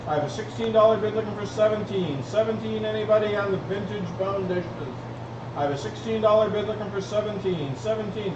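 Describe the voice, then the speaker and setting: A man with a high voice calls bids as an auctioneer at a live auction, repeating the numbers in a steady chant-like patter. He sounds some way from the microphone in an echoey room. The recording is dull. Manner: auctioneer's repetitive bid calling, addressing folks. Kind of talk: live online auction calling. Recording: roomy, distant mic, dull, clearly noisy.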